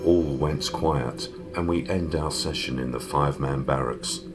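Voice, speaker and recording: A man narrating his own investigation footage in a measured, documentary-style scripted voice-over. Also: extremely low pitch, music in the background.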